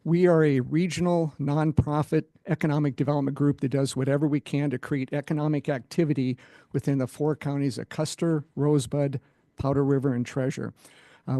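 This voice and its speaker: Gravelly man giving public testimony. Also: fairly high pitch, fairly even intonation, a little fast, warm tone, no echo. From Montana. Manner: direct, opinionated, some fillers. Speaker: executive director of an economic development group.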